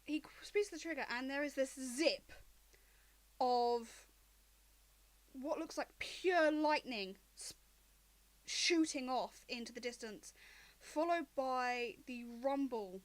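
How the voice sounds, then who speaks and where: A woman narrating as game master, quick and descriptive, with small restarts. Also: high-pitched.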